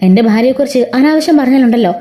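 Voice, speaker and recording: An indignant young husband scolding his mother in a retold family serial, as a woman narrator reads him. The lines come out rapid and mellow. The voice stays fairly high. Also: expressive. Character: angry young husband defending his wife.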